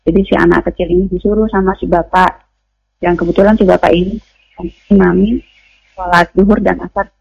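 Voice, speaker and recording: A woman's voice: lowish voice, steady tone, fairly quick, creaky, breathy edge. A woman calling in to ask a question, telling her story hesitantly with many fillers. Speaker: caller. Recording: muffled call-in line.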